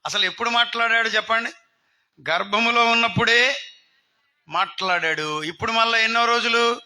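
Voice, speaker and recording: A man's voice: very high voice, normal speed, sharp tone, clear, resonant tone. A man preaching a sermon, putting questions to the congregation and acting out scenes. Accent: Telugu. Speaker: pastor. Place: outdoor gathering.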